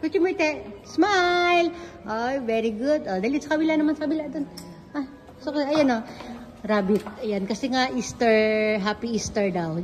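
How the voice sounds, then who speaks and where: A woman's voice: high-pitched, moderate pace. Chatty woman touring a hotel. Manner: chatty, calls to her child, points things out. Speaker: travel vlogger. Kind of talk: casual hotel tour vlog. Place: hotel lobby and halls, indoors. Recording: handheld camera, noisy background.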